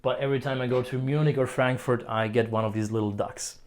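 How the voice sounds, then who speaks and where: A man's voice: mid-range voice, fairly even intonation, fast talker, a little mellow. A young man from Croatia, vlogging a casual tour of his apartment, joking and chuckling often. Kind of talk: casual chat. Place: apartment, indoors.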